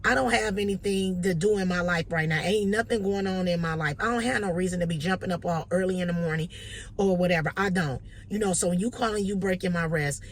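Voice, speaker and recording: A woman's voice: on the low side, quick pace, a little hiss or hum, natural voice. A woman voicing a jobless man woken too early who answers in an irritated, worn-down way. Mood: weary.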